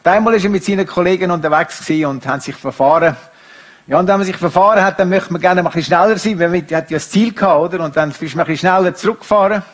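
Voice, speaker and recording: A middle-aged man delivers a sermon. His voice is husky and sits fairly high. He swings between soft, musing lines and raised, emphatic points. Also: very fast. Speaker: preacher.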